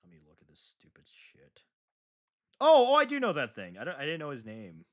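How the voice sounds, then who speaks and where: A man streaming while painting miniatures, chatting casually, joking loudly and laughing often. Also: on the high side, huge pitch swings, fairly quick, no room sound, clean studio sound. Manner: loud joking outbursts and frequent laughter. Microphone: home streaming mic.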